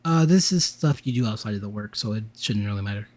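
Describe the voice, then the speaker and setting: A man's voice: on the low side, lively intonation, fast, a little mellow, faint music behind. A man co-hosting a podcast, telling a rambling story in casual chat and acting out what people said. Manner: rambling storyteller, acts out quotes. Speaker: podcast co-host.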